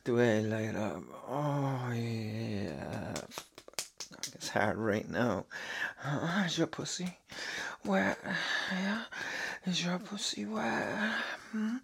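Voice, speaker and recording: A man speaking an intimate monologue, mostly in a hushed, breathy whisper that lingers on each phrase. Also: mid-range voice, very slow.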